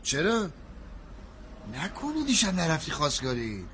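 A man's voice: a little high, wildly swooping pitch, a bit bright, slight background noise. A man playing a friend in a comedy sketch, coaxing and chiming in.

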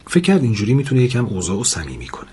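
A man narrating a humorous story in a lively storytelling manner. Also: lowish voice, husky.

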